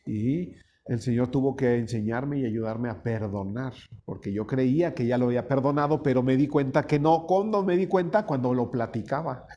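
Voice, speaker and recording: A man's voice: medium pitch, warm tone. A man preaching a conversational sermon, folksy and often asking his small congregation questions. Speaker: pastor.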